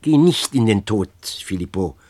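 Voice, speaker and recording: A man's voice: fairly low pitch, expressive, unhurried. A man doing a desperate young woman, Fenice. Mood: pleading. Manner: pleading, rising into loud outbursts. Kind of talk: audiobook reading.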